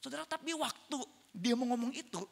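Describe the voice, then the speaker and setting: A male evangelist giving a parenting seminar sermon, telling stories in a lively way and often calling the audience "saudara". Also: very high-pitched, a little fast, vocal fry, big-room sound. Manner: animated storytelling, addresses audience as "saudara". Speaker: evangelist speaker. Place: church seminar hall.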